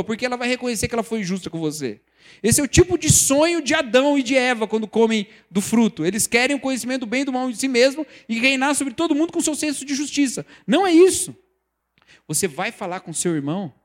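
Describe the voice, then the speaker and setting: A man preaching a sermon, lively and conversational, acting out the quoted voices of people he talks about. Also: extremely high pitch. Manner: animated, acts out quoted voices, mocking examples. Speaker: pastor or preacher.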